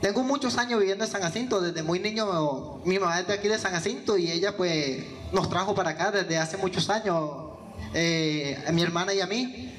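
A young Venezuelan man, a guest musician, answers interview questions into a handheld microphone in an indoor hall with yellow walls. His voice is high-pitched and a bit bright at normal speed, and he hesitates with many fillers and restarts. There's a little hiss or hum.

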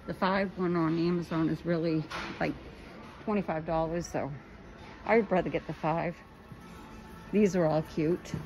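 Soft background music plays under this woman's fairly low, slightly mellow voice, which moves at a moderate pace with fairly even intonation and long pauses. She's a vlogger strolling a big store with her phone camera, chatting casually and noting prices amid the store's noise.

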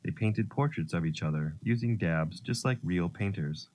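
Man, children's story narration, deep voice, gentle, expressive, faint noise behind. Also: moderate pace.

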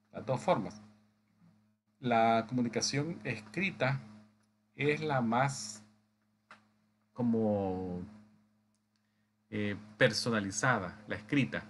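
A man lecturing medical assistants from slides, speaking haltingly with many restarts and frequent tag questions. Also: medium pitch, slight background noise. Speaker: instructor.

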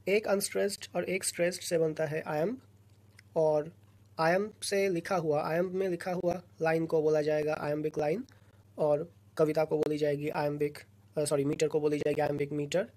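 Patient woman lecturer, low-pitched. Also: steady tone, mellow. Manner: patient, explanatory, pausing between phrases. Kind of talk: recorded lesson explaining a slide.

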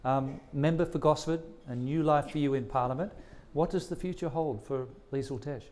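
A man's voice: on the high side, normal speed, a little mellow. A man in his sixties hosting a stage interview at an event, asking jovial, teasing questions. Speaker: interviewer, emcee.

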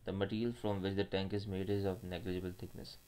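Man, Pakistani accent, lowish pitch, maths tutor, step-by-step explanation, Urdu mixed into English. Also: flat delivery, quick pace, darkish tone. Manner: mixes Urdu phrases into English. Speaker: maths teacher.

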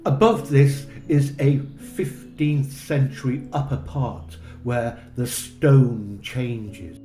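A man narrating a tour of an old parish church in a measured, explanatory way, with gentle enthusiasm. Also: mid-range voice, reverberant, soft background music. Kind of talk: unhurried documentary narration.

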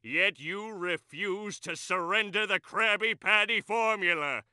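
An actor playing Plankton, a tiny scheming male villain in a video game, boasting grandly and breaking into shouts. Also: high-pitched, unhurried, clear, resonant tone, no room sound, heavily acted. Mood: furious. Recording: dry studio recording.

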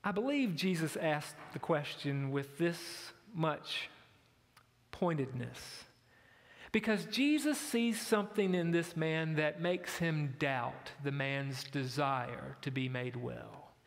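Male pastor, high-pitched, unhurried sermon delivery, echoey church sound. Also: vocal fry. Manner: storytelling preacher, building to emphatic questions. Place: church sanctuary.

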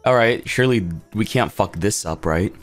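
A man's voice: on the low side, moderate pace, soft background music. A young man streaming, chatting casually and nervously, rambling and laughing at himself. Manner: nervous, self-deprecating rambling. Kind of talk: casual live-stream chat.

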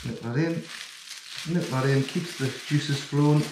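A man in his forties from England hosts a fishing channel and speaks casually and gratefully to the camera at home, moving from the kitchen to the living room. His voice is on the high side at a measured pace, with a noisy background and roomy home acoustics. He comes across as chatty, grateful and plain-spoken in this vlog.

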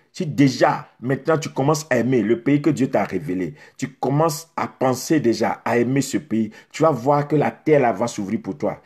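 Preaching straight to the camera from an indoor set with a beach backdrop, a middle-aged pastor exhorts his audience through rhetorical questions and emphatic repetition. His medium-pitched voice is a little mellow with a breathy edge.

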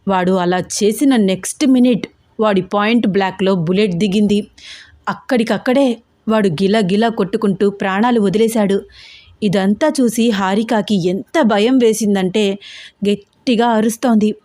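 A woman narrating a dramatic romance story aloud, deliberate and expressive, close to the mic. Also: mid-range voice, dry recording.

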